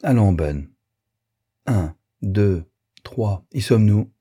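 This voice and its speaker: A man voicing a calm, firm grown man who looks after children, speaking briskly. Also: fairly low pitch, slightly rough, exaggerated voice.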